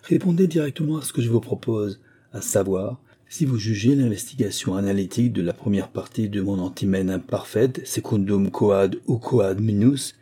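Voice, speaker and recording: A man's voice: lowish voice, normal speed, few pauses, mellow, breathy edge. A man voicing a boastful, mocking country squire in an audiobook, with showy, pseudo-learned bluster. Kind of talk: audiobook character reading.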